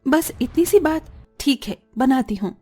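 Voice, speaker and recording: Woman doing a shy sweet young bride in a cartoon, soft and pleading, high voice. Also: animated, unhurried, husky, soft background music, exaggerated voice. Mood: meek. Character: meek, gentle young bride.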